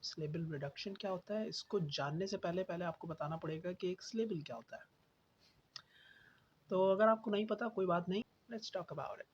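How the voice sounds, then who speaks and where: A man's voice: high voice, normal speed. A man teaching pronunciation in an online lesson. He asks his own questions, answers them, and repeats key words for emphasis. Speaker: English teacher. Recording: slightly dull, faint background hiss.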